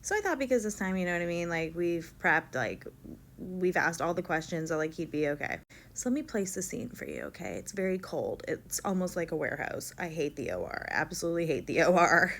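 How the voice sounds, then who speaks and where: A young woman tells a personal story in a casual vlog. Her voice sits a little low, and she fills it with likes. She bounces between narration and livelier voices for the people she quotes. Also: animated, brisk, a bit bright. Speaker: vlogger telling her birth story.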